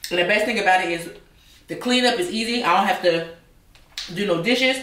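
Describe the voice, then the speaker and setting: Indoors at home, this young vlogger eats and chats casually, sometimes through a mouthful of food. Her mid-range voice is a bit bright and a little fast, and the recording is roomy, taken from a distance.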